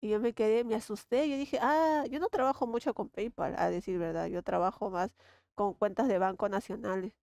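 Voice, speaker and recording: A woman with a Peruvian accent chatting casually while she draws, lively and slangy, laughing often. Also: mid-range voice, brisk, creaky, no echo. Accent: Peruvian Spanish. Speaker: illustrator vlogger. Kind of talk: casual chat while drawing.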